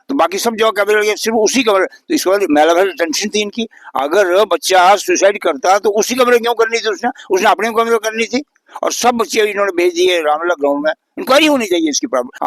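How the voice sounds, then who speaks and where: A man's voice: high voice, no room sound. A man of about eighty giving a news interview as a local resident, earnest and indignant, repeating his points for emphasis. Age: 80s.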